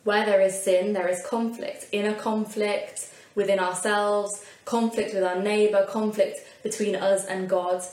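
A woman's voice: medium pitch, level tone, unhurried, hardly any pauses, a little mellow. A woman with a Yorkshire accent preaching a sermon in an earnest, conversational way with light asides. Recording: roomy echo.

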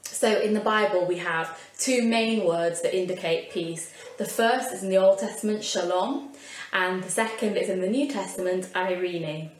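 Preaching in an earnest, conversational manner sprinkled with light asides, a Yorkshire-accented woman speaks at a moderate pace in a mid-range voice. Roomy echo fills the recording.

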